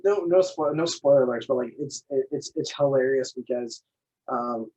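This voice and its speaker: A man's voice: medium pitch, normal speed, mellow. A man co-hosting a podcast in casual chat, rambling eagerly and restarting his sentences often. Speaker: podcast co-host. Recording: dull lo-fi recording.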